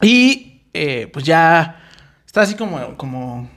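A man's voice: a little high, sing-song, slow pace, fairly bright tone. A Mexican man retelling a story in casual, slangy, profane chat. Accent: Mexican Spanish. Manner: slangy, profane, laughs often.

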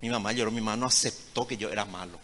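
A man delivers a sermon in a sharp, bright voice, leaning hard on key phrases and pulling back to near-murmurs between them. The sound rings with the long reverb of a large hall. His delivery moves in waves from soft and close to loud and insistent. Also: on the low side, fast, a little hiss or hum. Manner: swings between hushed asides and loud emphatic preaching; retells conversations as acted dialogue. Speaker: pastor.

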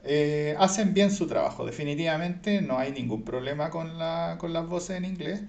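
A somewhat high-voiced man talks through a film review in a relaxed podcast chat. He pauses often and picks his words as he goes, and the room gives his voice a noticeable echo. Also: creaky, muffled recording. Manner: thoughtful, hesitant with many fillers. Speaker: podcast co-host.

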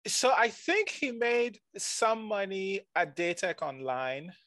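A man's voice: high voice, big pitch swings, slow pace, bright, forceful tone, no echo. Guest voice: man from ghana, 40s, chatty venture investor, dry close mic. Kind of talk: conversational interview.

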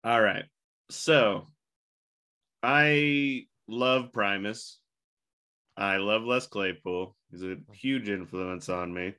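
A man's voice: on the low side, extremely slow, pauses often, sharp tone, clean tone. A man hosting a podcast in a loose, rambling casual chat, with a bad case of the hiccups. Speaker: podcast host.

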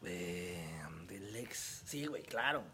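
A man's voice: on the low side, animated, slow, pushed and bright, breathy edge. A young adult man with a Mexican Spanish accent, co-hosting a radio show in casual chat, joking and slangy. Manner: joking, slangy, laughs often. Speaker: co-host.

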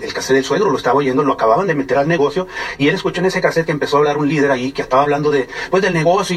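A man with a Mexican accent tells a story to an audience in a chatty way and keeps putting questions to his listeners. His voice is somewhat high and husky, and he talks very fast. He sounds distant from the microphone. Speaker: speaker giving a testimony. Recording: voice from far off the mic.

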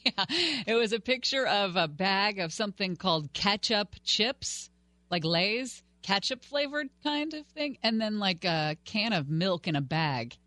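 A woman's voice: medium pitch, lively intonation, a little slow, bright, forceful tone, no room sound. A woman co-hosting a talk radio show in a casual, conversational way. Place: radio studio.

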